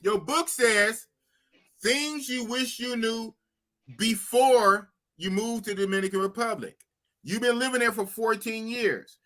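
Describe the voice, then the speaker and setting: A man in his fifties hosts a live-stream podcast in a very high-pitched voice at a measured pace. He addresses his viewers' chat in an animated, casual way and tends to repeat phrases.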